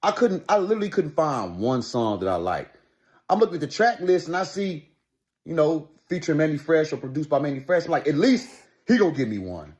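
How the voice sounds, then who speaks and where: A man ranting in a video, exasperated and emphatic, swinging between a low grumble and loud outbursts. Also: sing-song, a little fast.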